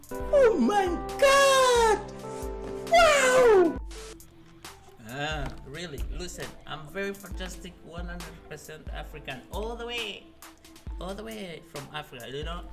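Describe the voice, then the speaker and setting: A man hosting a trolling video chat, teasing and flirting in a playful put-on persona, talking through a gaming headset in a small bedroom. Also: sits high. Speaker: prank video chat host.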